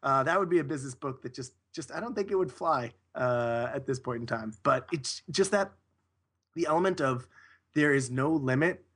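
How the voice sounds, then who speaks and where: A man's voice: mid-range voice, expressive, moderate pace, a bit bright. A man talking casually as an interview guest, rambling and correcting himself as he goes. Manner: rambling, self-correcting, with frequent restarts.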